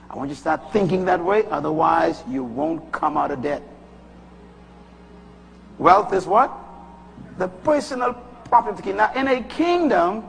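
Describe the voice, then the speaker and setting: Bahamian preacher with a gravelly, lively voice. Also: male voice, a little hiss or hum. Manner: emphatic, rising to high bursts and dropping low. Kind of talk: sermon. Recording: long hall reverb.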